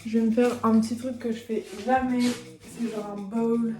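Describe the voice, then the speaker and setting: A woman's voice: on the high side, level tone, moderate pace, noisy background. A young woman chatting casually at home in a vlog, upbeat and full of fillers. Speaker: vlogger. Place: home rooms, indoors. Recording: loud background music.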